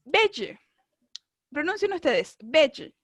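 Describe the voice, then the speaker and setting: A woman teaching an online English class, encouraging and drilling words slowly with frequent checks. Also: sits high, sing-song, a bit bright, no room sound. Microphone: video call.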